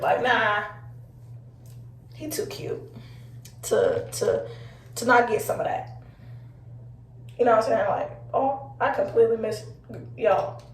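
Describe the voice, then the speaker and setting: A young woman telling a casual storytime to her viewers, animated and chatty, talking to them as y'all with frequent laughs. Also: fairly high pitch, far from the mic, slight background noise. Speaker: vlogger. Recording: roomy echo, voice off-mic.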